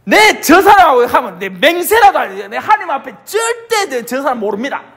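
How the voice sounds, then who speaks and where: A man's voice: very high voice, very animated, brisk, a bit bright, voice pushed up, exaggerated voice. A man playing a panicked disciple with a Gyeongsang accent. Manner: flustered, insistent denials. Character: frightened disciple denying in a panic.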